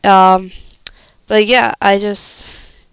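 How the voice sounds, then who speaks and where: A woman's voice: medium pitch, steady tone, extremely slow, clear, resonant tone, dry recording, low-quality recording. A young woman streamer chatting casually and rambling as she thinks aloud while reacting to a video.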